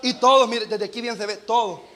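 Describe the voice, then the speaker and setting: A male pastor preaching a sermon to his church, acting out everyday scenes and building to shouted peaks. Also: very high-pitched, fairly even intonation, fairly quick.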